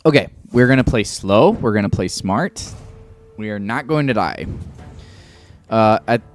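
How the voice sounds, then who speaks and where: Low mellow guy streaming a game, thinking out loud, lots of um and uh, faint music behind. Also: expressive, unhurried. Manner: thinks aloud, lots of fillers. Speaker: livestream host. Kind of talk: casual game commentary.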